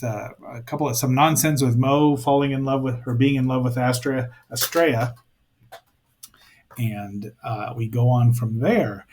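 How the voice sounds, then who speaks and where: A man hosts a casual recap podcast in a mid-pitched, husky voice. He comments wryly, with hesitant asides as he goes. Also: darkish tone. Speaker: podcast host.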